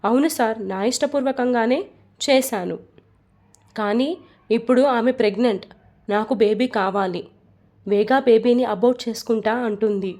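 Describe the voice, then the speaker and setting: A woman's voice: on the high side, moderate pace, long pauses, a little mellow. A woman voicing a stubborn, hot-tempered young husband who firmly insists on his demands in a storybook reading. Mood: insistent. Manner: insistent, firm.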